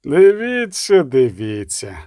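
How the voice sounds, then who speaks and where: Imperious irritable bishop, as a man puts him on, snappish, slightly high voice. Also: big pitch swings, moderate pace, darkish tone, no room sound, clean studio sound. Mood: irritated. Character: irritable arrogant male bishop.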